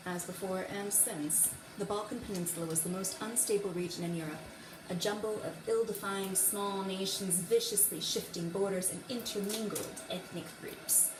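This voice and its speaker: A woman host reading a history book aloud in a theatrical, deliberate way. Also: mid-range voice. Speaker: host of a dramatic reading series. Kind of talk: dramatic book reading with casual asides. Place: echoey room beside a running faucet. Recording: echoey, distant mic, running tap water noise. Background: running tap water.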